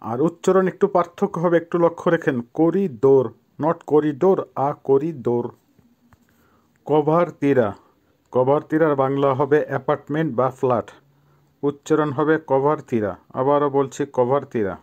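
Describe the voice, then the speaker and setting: A man's voice: a little high, normal speed, a little mellow, dull audio. A man teaching vocabulary, saying each word and then repeating it with care. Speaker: language teacher. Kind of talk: slow vocabulary lesson.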